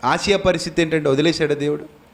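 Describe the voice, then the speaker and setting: A man preaching a Bible class sermon, firing rhetorical questions and long repeated lists, swinging between raised emphatic lines and low quiet ones. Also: steady tone, fast. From South India.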